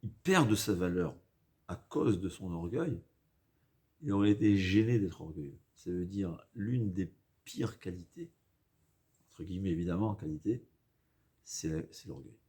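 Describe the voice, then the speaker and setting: A man with a foreign accent in French, not his native language, giving an informal Torah lesson, haltingly repeating and rephrasing and mixing in Hebrew quotations. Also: low-pitched, expressive, darkish tone. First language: not a native French speaker. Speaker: rabbi giving a religious lesson.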